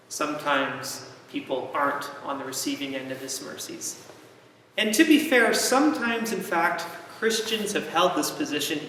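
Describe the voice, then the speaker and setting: A man with a slightly high voice delivers an informal sermon in a very echoey gym. He sounds a little distant from the mic, with a long ring around his words. He explains things emphatically, leaving deliberate pauses. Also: pushed and bright, a little hiss or hum. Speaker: host of a faith series, preacher.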